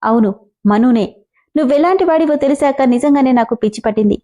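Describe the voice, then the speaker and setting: A woman voicing a betrayed young wife who accuses her husband in fast, pleading bursts. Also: high voice, warm tone, natural voice. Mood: accusing.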